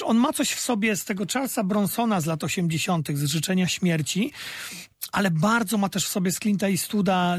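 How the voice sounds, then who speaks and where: A man with a high-pitched voice chats about films in a casual review. He talks with many hesitant fillers and restarts. The sound is dry and close to the mic. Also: no room sound. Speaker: film review co-host. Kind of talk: casual film review chat.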